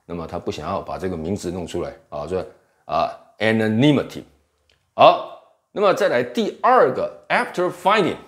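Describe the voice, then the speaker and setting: Low-voiced man teaching English vocabulary. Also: lively intonation, fairly bright tone. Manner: explains in Mandarin, reads English slowly and spells words out. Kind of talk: vocabulary lesson.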